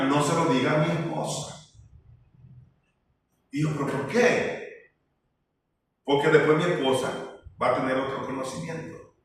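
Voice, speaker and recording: A man's voice: on the high side, a little hiss or hum. A man preaching an informal sermon, rambling through personal stories with restarts and acted-out dialogue. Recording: echoey hall, far from the mic.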